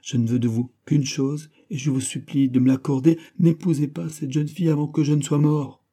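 A man's voice: mid-range voice, normal speed, dark tone, breathy edge, lightly acted. A man reading the part of an anguished young man wasting away from hopeless love, pleading with his brother in a raised voice.

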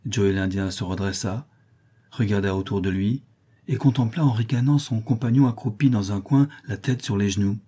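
A man narrating an audiobook in a steady, measured way. His voice is low, dark and mellow, with a husky grain. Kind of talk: audiobook reading.

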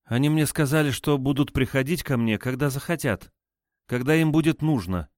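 A man's voice: medium pitch, moderate pace, darkish tone, no room sound, studio quality, pitched above the performer's own voice, natural voice. A man voicing a frightened young woman under interrogation, speaking in a hesitant, flustered, pleading way.

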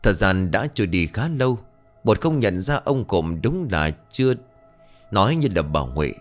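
A man narrating a village folk tale in a lively, colloquial storytelling manner. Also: fairly low pitch, normal speed, faint music behind.

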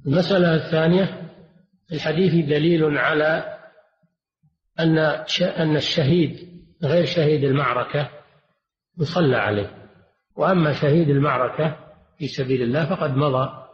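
An older man and religious scholar giving a measured classroom lecture, repeating and rephrasing each point. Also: a little high. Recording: dull, roomy lo-fi lecture recording.

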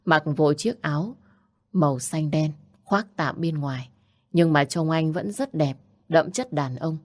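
A woman reads a romance story aloud in an even, measured way. Her voice is low and steady. The recording is dry and close, with no room sound. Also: dry recording. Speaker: narrator. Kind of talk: audiobook storytelling.

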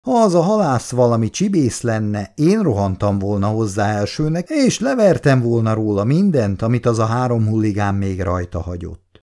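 A man's voice: lowish voice, big pitch swings, few pauses, dark tone. A man voicing a young adult son who playfully teases and soothes his mother. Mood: playful soothing.

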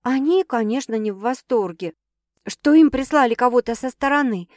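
A woman's voice: fairly high pitch, lively intonation, normal speed, a little mellow, no echo, pitched above the performer's own voice, close to an everyday voice. A woman voicing a grumbling young woman in an audiobook, dry and sulky. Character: grumbling young woman, new at a city job. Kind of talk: audiobook character voice.

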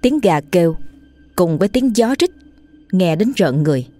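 Low-voiced woman narrating a ghost story. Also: big pitch swings, moderate pace, dark tone, dry recording, faint music behind.

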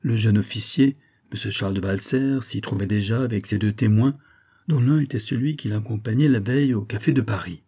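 A man reading a classic novel aloud as an audiobook narrator, in a measured, even storytelling manner. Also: on the low side. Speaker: audiobook reader.

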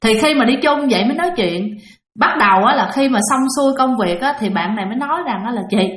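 A woman's voice: a little high, animated, quick pace, a bit bright. Chatty woman telling ghost stories. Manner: chatty, addresses listeners directly. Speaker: storyteller. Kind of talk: spoken ghost story narration. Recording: roomy echo.

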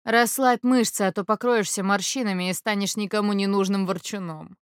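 A man's voice: high voice, fairly even intonation, a little fast, smooth, no room sound, studio quality, voice pushed up. A man voicing a brash, teasing little horned female demon in an audiobook. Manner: teasing, cheeky.

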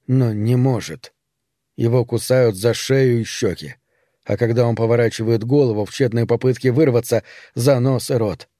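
A man reads a story aloud in a measured, grave way, like a practised audiobook narrator. His voice is dark and mellow, recorded dry and close with no room sound. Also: mid-range voice, no room sound. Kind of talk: scripted narration.

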